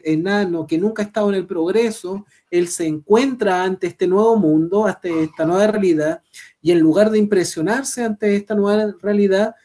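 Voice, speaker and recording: A man with a Chilean accent co-hosting a literary program, explaining a novel in a steady, explanatory way. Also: high voice. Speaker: co-host. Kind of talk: literary discussion.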